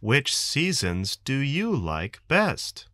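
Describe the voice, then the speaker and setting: A man with an American accent reading textbook dialogue questions for language learners, enunciating clearly. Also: mid-range voice, wildly swooping pitch, very slow, sharp tone, no echo, studio quality. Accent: General American. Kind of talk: slow scripted textbook reading.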